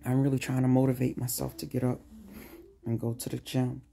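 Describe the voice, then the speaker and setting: A woman's voice: extremely low pitch, little pitch movement, fairly quick, creaky, mellow, soft background music. Chatty woman vlogging on her phone. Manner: chatty, self-motivating, talks to the camera while doing chores. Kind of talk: casual self-filmed vlog. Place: home, bedroom then kitchen. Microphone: phone held at arm's length.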